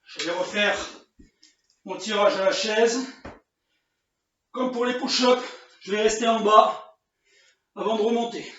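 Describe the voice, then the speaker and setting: A man leads a home workout and encourages the listener while he strains through the exercises. His voice sits high and comes in slow and deliberate. It is picked up from a distance in a strongly echoing room with a dull, muffled sound. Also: pushed and bright, a little hiss or hum. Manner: counts reps aloud, grunts with effort, encouraging. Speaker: fitness coach.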